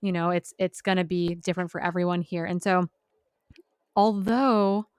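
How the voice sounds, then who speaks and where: A woman's voice: fairly low pitch, steady tone, normal speed, clear, resonant tone, dry recording, studio quality. A young woman hosting a podcast interview, chatty and upbeat, peppering her talk with "like". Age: young adult. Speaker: podcast host. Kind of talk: casual interview chat.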